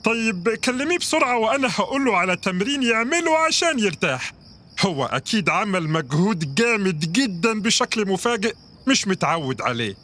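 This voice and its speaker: A man's voice: high voice, very animated, fairly quick, pushed and bright, heavily acted. A man voicing Doctor Tawfiq, a friendly doctor in a children's audio drama who gives caring advice. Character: kindly helpful doctor Tawfiq.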